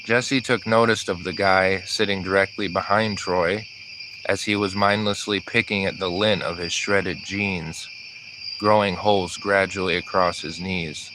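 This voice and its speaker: Deep-voiced man reading an audiobook. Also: steady tone, a little slow, background noise. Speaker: audiobook narrator. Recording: crickets and insects in the background.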